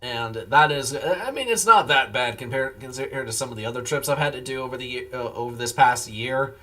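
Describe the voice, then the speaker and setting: A man's voice: medium pitch, a little fast, bright, forceful tone, soft background music. Tired, laid-back man chatting on stream. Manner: laid-back and rambling, replies to chat messages. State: tired, yawning after a long day. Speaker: live streamer. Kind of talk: casual live-stream chat to viewers.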